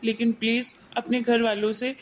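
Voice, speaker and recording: An earnest, lovesick young man in a family cartoon, voiced by a woman. He pleads in a fairly high, flat, even voice, with faint background noise. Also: normal speed, close to an everyday voice, rough recording. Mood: pleading.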